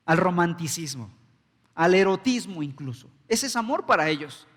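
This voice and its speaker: A man's voice: high-pitched, big pitch swings, moderate pace, fairly bright tone, long reverb tail. A man preaching a sermon as pastor, emphatic and full of rhetorical questions, recorded in a church sanctuary.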